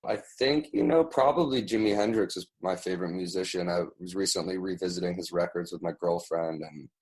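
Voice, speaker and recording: A man in his thirties from New York, answering interview questions in an unhurried way with lots of "you know" and pauses. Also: low-pitched, rough recording. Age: 30s. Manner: relaxed, unhurried, full of fillers like "you know". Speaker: guest, music producer. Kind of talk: casual interview.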